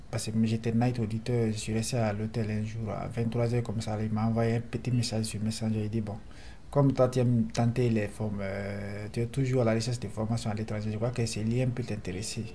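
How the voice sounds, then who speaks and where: A man's voice: on the low side, a little fast, slight background noise. A man in his thirties from Guinea, a student, introducing himself and telling his story casually. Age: 30s. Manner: relaxed storytelling. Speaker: master's student. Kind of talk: interview self-introduction.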